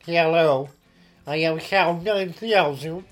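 A man on a comic podcast putting on a slow, flat robot voice as a male talking computer. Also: on the high side, faint music behind. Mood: deadpan. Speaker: podcast co-host.

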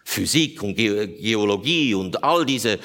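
Bright-voiced man preaching in a reverberant hall. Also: unhurried. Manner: lively, acts out quoted prayers in a higher voice. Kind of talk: sermon.

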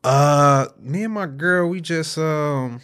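A young American man chatting casually in slang, haltingly repeating himself as he works through his thoughts. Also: on the high side, a bit bright, clear, resonant tone. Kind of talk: casual chat.

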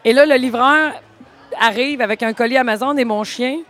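A woman with a Quebec French accent tells stories in a casual podcast chat, lively and animated. Her voice sits a touch on the high side. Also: moderate pace. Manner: animated storyteller, chatty filler "là". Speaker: podcast co-host.

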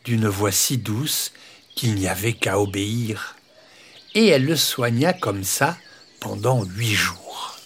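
A storyteller reading a children's tale aloud in a lively, expressive way with playful asides. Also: medium pitch, slow, slight background noise. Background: background music.

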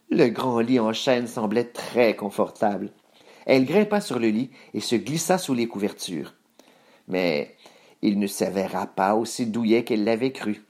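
A man reading a children's story aloud in a measured, expressive way. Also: lowish voice.

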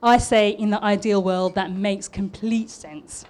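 This architect and public speaker, a thirties-aged woman from East London with a refined southern English accent, gives a rehearsed public talk. Her voice sits at medium pitch with a steady, somewhat dark tone and a measured pace. Earnest but a touch anxious, she makes small restarts as she goes.

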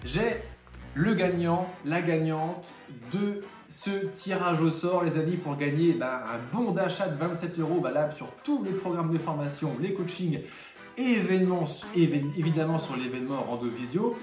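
A man's voice: on the high side, moderate pace, a little mellow, echoey room, soft background music. A man hosting a hiking channel, chatting enthusiastically to his viewers and calling them friends. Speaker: hiking coach and channel host. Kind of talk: casual promotional vlog talk.

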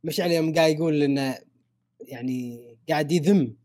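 A man's voice: on the high side, a little fast, a little mellow. A man co-hosting a casual podcast, posing questions with a teasing manner. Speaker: podcast co-host.

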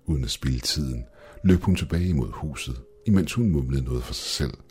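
A man narrating a first-person horror story in a measured, steady way. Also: rumbling low, breathy edge. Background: faint background music.

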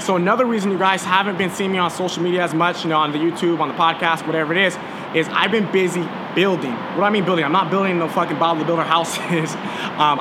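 A man's voice: on the high side, noisy background. A nineteen-year-old man hosting a podcast in a casual monologue, hyped and salesy, swearing freely. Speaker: podcast host.

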